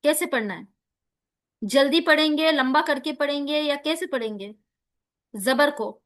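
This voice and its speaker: A woman teaching a recitation lesson, spelling out letters slowly and carefully between quick explanations. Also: sits high, a bit bright.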